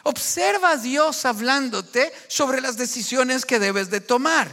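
A middle-aged man preaching a sermon as pastor, impassioned and rising at times to shouts. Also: very high voice, takes it slowly. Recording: long hall reverb.

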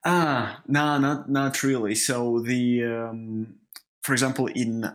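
A native Russian speaker with a heavy accent co-hosts a spiritual discussion podcast, frequently halting and repeating words as he searches for phrasing. His mid-range voice is steady.

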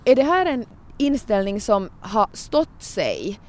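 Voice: medium pitch, very animated, darkish tone, a little hiss or hum. A podcast host interviewing a guest and reading out quotes from old columns, engaged and careful in the reading.

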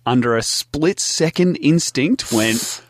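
A man co-hosting a casual comedic chat, an animated storyteller who acts out other people's voices. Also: fairly high pitch, slow pace, dry recording, studio quality. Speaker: podcast co-host.

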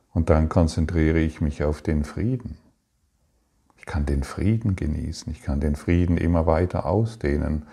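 A man giving a calm, reflective spiritual talk, speaking slowly with pauses and restarts. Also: a bass voice, vocal fry, slightly rough. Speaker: spiritual teacher.

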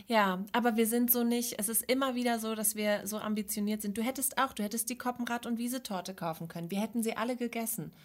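A woman co-hosts a relaxed chat podcast and tells lively stories that make fun of herself. She often laughs between lines, and her voice sits a little above the usual pitch. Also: fast, hardly any pauses. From Germany. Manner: laughing, self-deprecating, animated storytelling. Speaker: podcast co-host. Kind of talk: casual chat.

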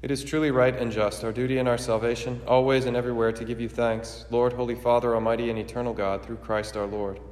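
A priest celebrating Mass, reciting the liturgy in a steady, measured way, his voice ringing with a cathedral echo. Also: medium pitch. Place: large church. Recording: echoey church with long reverb.

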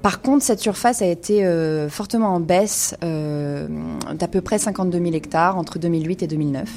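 A woman's voice: lowish voice, normal speed, darkish tone, slight background noise. A woman presenting a casual wine segment, speaking with many hesitations and fillers. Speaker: wine columnist.

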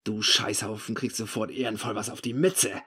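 A man voicing his own drunk, furious younger self, slurring and shouting. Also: fairly low pitch, fairly even intonation, normal speed, slightly rough, full character voice.

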